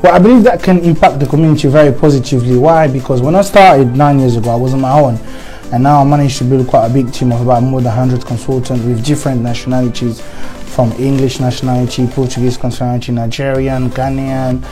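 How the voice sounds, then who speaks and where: A man from Congo, explaining his financial advice work in an interview in a steady, salesman-like way. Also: medium pitch, quick pace, few pauses, faint music behind. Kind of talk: interview answers.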